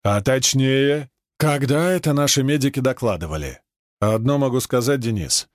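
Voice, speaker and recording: An older warehouse chief, kindly and a little wistful, speaks in a dry, close voice, as a man puts him on. His pitch sits in an ordinary middle register. He muses fondly and turns somber when things get serious. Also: moderate pace, dry recording, natural voice. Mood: grave. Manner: fond, reflective, somber. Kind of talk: audiobook character voice.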